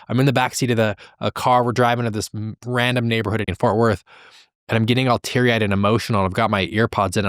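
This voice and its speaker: Emphatic low-voiced male podcast host. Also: dry recording, clean studio sound. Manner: energetic, emphatic, repeats key phrases. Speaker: podcast host and sales coach. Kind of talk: solo motivational podcast talk.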